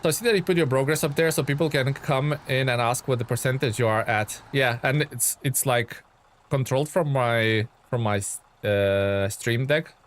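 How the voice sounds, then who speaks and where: A man from Lithuania does casual live-stream chat on a game stream, reading viewer comments aloud and replying with plenty of fillers. His voice sits at a medium pitch and a normal speed, with slight background noise in the recording.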